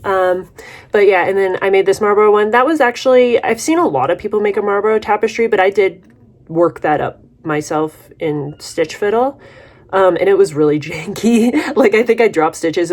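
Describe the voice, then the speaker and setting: A young woman talks through her makeup routine in a relaxed, rambling vlog. Her speech is loose and chatty, full of fillers and asides. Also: on the low side, normal speed. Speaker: vlogger. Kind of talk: casual vlog chat while doing makeup.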